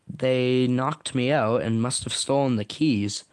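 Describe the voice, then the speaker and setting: A man's voice: mid-range voice, slow, clear, resonant tone, no echo, lightly acted. A man voicing the young male hero of his story in his own plain voice, explaining a plan.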